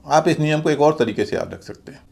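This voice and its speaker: A male teacher, his voice gravelly with fry. He moves between high and low pitch in a lively way. He spells out letters one by one, slowly and with care. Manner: slow, deliberate spelling out of letters and syllables. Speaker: English pronunciation teacher. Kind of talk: scripted lesson.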